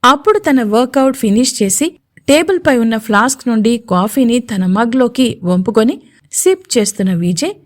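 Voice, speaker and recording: A woman narrating a romantic audio story in an expressive, sweeping manner. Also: a little high, normal speed.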